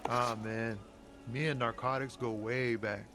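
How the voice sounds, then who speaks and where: A mellow, drawling drifter, played by an actor in a video game, easygoing and rambling, a former druggie who calls everyone man. Clear game music and rain run behind him. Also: mid-range voice, fairly even intonation, a little slow, natural voice. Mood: laid-back.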